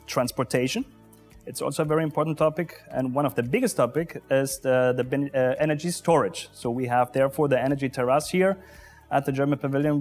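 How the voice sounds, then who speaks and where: Halting man interviewed at an exhibition. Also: mid-range voice, a little mellow. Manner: halting, many filler sounds, non-native phrasing. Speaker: pavilion deputy commissioner general. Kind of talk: interview answers. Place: exhibition pavilion indoors. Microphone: lapel.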